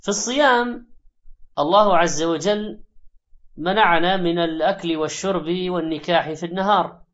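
A man preaching in formal standard Arabic, explaining scripture in measured, deliberate phrases with short pauses. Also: high voice, fairly bright tone. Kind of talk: Quranic commentary sermon in formal standard Arabic. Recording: dull, band-limited lo-fi audio.

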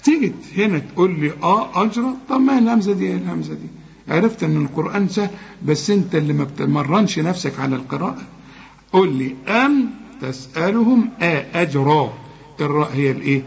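A man with an Egyptian accent teaching Quran recitation, patiently correcting a student and drawing out sounds slowly to demonstrate them. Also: sits high, lively intonation, gravelly. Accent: Egyptian Arabic. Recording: dull lo-fi sound.

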